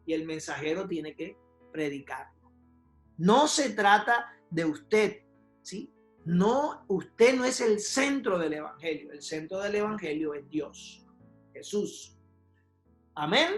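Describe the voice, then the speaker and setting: A preacher speaks slowly and deliberately, pressing each point with rhetorical questions and a repeated "¿sí?". The voice carries through a roomy church hall, with soft instrumental music underneath. The pitch sits in a middle register. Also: lively intonation. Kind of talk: sermon. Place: church sanctuary.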